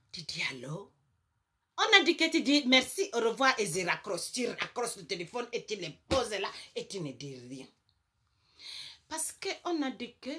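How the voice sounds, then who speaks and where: A woman's voice: on the low side, fairly bright tone. A woman doing a chatty comic rant to camera. She is emphatic, repeats herself for effect and tags her sentences with little asides. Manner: emphatic, chatty, peppered with "hein" and "quoi". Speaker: comic monologue persona.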